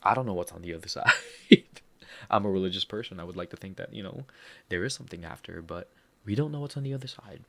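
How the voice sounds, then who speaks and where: On his podcast, a man with a Filipino accent opens up earnestly and candidly about a personal setback, adding some self-deprecating humor to the reflective monologue. His low-pitched voice sounds pushed and bright, and he talks fast.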